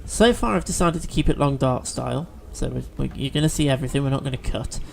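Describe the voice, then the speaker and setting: Gravelly man narrating gameplay. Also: medium pitch, quick pace, darkish tone, a little hiss or hum. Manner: chatty, thinking aloud with fillers and restarts. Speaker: let's play host. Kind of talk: gameplay commentary.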